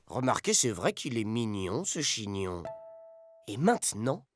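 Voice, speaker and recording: A man playing an excitable male puppet presenter in a children's educational show, talking in a dramatic, exclamatory way. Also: lowish voice, unhurried, soft background music. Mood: teasing. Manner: exclamatory, sing-song, dramatic.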